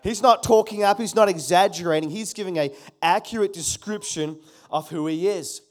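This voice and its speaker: A middle-aged pastor with a high voice preaches at a normal pace, stressing his points hard. He keeps repeating his key phrases and calls on the congregation to answer back.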